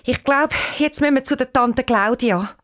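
A woman's voice: moderate pace, fairly bright tone. Cheyenne, a woman doing a stammering young girl. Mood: nervous. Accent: Swiss German. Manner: high, stammering and breathless. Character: excitable young girl, quick and bold.

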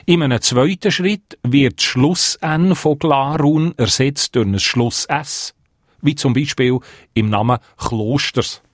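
A male radio reporter reading a scripted explainer segment in a measured, precise way. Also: medium pitch, no echo, studio quality.

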